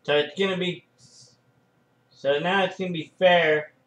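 A man gives loose, unhurried fan commentary, breaking into sudden loud exclamations between halting filler words. His voice sits a little high for a man. The room around him rings with echo. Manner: excitable, frequent "oh" and "uh" fillers. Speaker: fan commentating a wrestling match.

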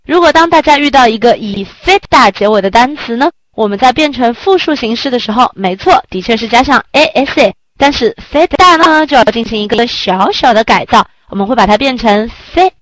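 Lively coaxing woman teaching a class. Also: on the high side, a little fast, hardly any pauses, no room sound. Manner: lively, coaxing, asks the class rhetorical questions. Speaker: Spanish teacher. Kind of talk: recorded language lesson.

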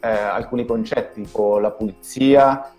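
Low-voiced Italian designer explaining. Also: male voice, fairly even intonation, darkish tone, soft background music. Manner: explanatory, halting, repeats words. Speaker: guest, brand designer. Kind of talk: casual video call interview. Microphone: video call.

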